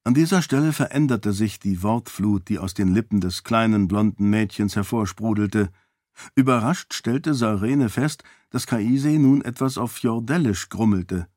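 Calm male audiobook narrator, dry sound. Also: lowish voice, a little slow, no room sound. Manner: calm, even storytelling. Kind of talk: scripted narration.

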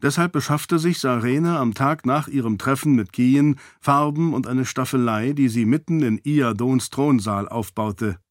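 A man's voice: mid-range voice, a little slow, hardly any pauses, no echo. Man narrating, dry close sound. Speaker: audiobook narrator. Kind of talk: scripted fantasy narration.

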